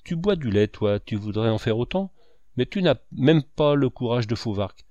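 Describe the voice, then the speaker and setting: A man's voice: mid-range voice, animated, normal speed, dark tone, no room sound, muffled recording, close to an everyday voice. A man voicing a young man who taunts another with contempt. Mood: taunting.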